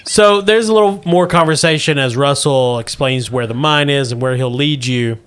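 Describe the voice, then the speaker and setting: A man's voice: mid-range voice, moderate pace, a bit bright, clear, resonant tone. A man narrating a tabletop role-playing game as game master.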